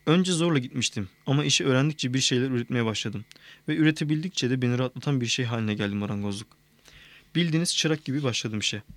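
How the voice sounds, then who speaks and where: A smug, showy male psychologist who talks with easy confidence and a playful edge, as a man reads him in an audiobook. The voice sits at an ordinary pitch. It is recorded dry and close, with no room sound. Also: dry recording, close to an everyday voice. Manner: self-assured, playful. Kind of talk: audiobook character reading.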